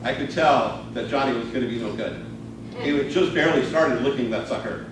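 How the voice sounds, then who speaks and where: At a roomy indoor speech contest, a male contestant with a medium-pitched voice tells a tall tale in a theatrical, deliberate style packed with dramatic pauses. A distant camera microphone captures it, so the sound is echoey and noisy, with room chatter and audience laughter behind him.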